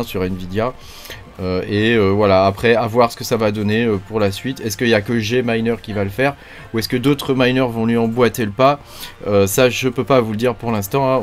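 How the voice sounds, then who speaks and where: A man hosting a casual mining news roundup, talking loosely with many hesitations and fillers. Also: medium pitch. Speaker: crypto mining channel host.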